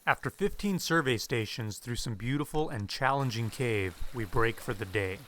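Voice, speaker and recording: Male narrator, crisp bright tone, medium pitch, scripted expedition voice-over over slight noise. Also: lively intonation, normal speed.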